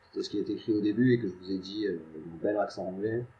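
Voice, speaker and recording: A man talks through a game at his home computer, rambling, joking at his own expense and muttering asides. His voice sits fairly low and sounds mellow and relaxed rather than bright. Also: fast talker, muffled recording. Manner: chatty, self-mocking, mutters to himself. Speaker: gaming YouTuber. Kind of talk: casual gameplay commentary.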